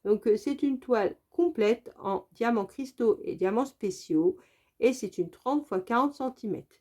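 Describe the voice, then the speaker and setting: A woman's voice: fairly high pitch, unhurried, a little mellow. A woman from France narrating a casual craft unboxing as host of her channel, chatty and repetitive, with many fillers. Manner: chatty, repeats "donc" and "très, très" often.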